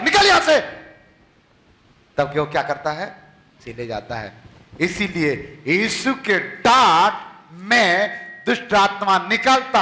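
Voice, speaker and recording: A male pastor preaching an animated sermon, breaking into shouted rebukes. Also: high voice, echoey room.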